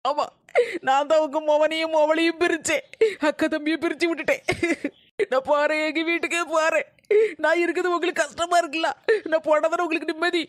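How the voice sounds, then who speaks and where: A woman's voice: high-pitched, level tone, fairly quick, no room sound, clean studio sound, lightly acted. A woman playing an indignant young daughter-in-law in a family skit, arguing back against her mother-in-law. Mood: hurt. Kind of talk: family quarrel skit acting.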